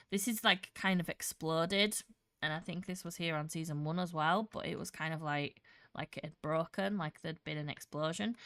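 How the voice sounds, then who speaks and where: A woman's voice: low-pitched, fairly bright tone, no room sound, studio quality. A woman streaming a building game, chatting casually and rambling with lots of restarts, her nose congested and a slight cough in her voice. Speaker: Minecraft streamer. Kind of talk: casual live-stream commentary while building.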